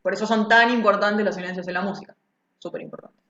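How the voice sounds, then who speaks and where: A woman's voice: mid-range voice, fairly even intonation, fast talker, bright, forceful tone. A woman teaching music, explaining patiently and checking the class follows. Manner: patient, explanatory, asks "¿sí?" often. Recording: echoey, dull lo-fi sound.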